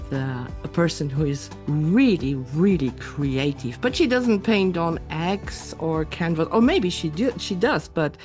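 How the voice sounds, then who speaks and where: Host woman, low voice, friendly and chatty, faint music. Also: darkish tone. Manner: friendly, laughing, with fillers. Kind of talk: casual interview talk.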